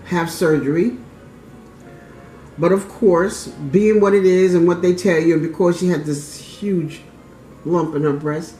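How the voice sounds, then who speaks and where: A woman's voice: lowish voice, darkish tone. A middle-aged woman from New York and New Jersey, telling family memories in a conversational, meandering way. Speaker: interviewee. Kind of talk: personal recollection. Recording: echoey room with guitar underneath. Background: guitar music.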